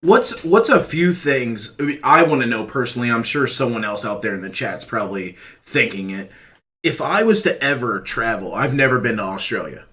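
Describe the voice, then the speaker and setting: A man hosting a casual web show, joking crudely and laughing loudly with his guest. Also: medium pitch, lively intonation, moderate pace. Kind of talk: casual chat.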